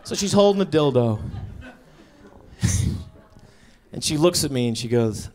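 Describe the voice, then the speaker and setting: A man doing a stand-up comedy set on stage, telling a story with lively delivery and acting out the voices of the people in it. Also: a little high, measured pace. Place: comedy club stage before a live audience.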